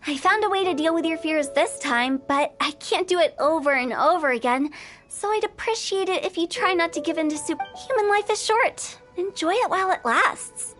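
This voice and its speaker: A woman's voice: very high voice, expressive, moderate pace, fairly bright tone. A woman voicing a quirky, playful young funeral parlor director in a video game, theatrical and chatty. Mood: matter-of-fact. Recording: music behind the voice.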